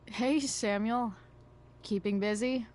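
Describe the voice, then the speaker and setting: A woman voicing a sarcastic, rebellious teenage girl in a video game, dry and slangy with hesitant pauses. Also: fairly high pitch, fairly even intonation, a little mellow. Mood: wry. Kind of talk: naturalistic video game voice acting.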